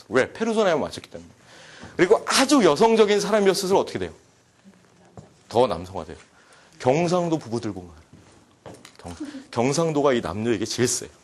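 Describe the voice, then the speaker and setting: A man giving a humorous psychology lecture to a class, animated and joking, often acting out quoted dialogue. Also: medium pitch. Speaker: university lecturer.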